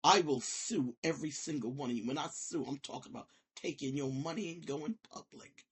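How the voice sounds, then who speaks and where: A woman student confronts officials in a disciplinary meeting, defiant and combative, swinging between shouting and low, menacing threats. She speaks briskly in informal, nonstandard grammar, her voice slightly rough.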